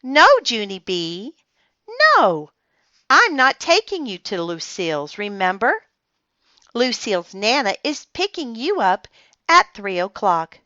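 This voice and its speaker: A woman's voice: mid-range voice, big pitch swings, slow, sharp tone, no room sound, highs cut off, pitched above the performer's own voice, exaggerated voice. A woman as a patient, firm mother. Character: patient, brisk mother of a young girl.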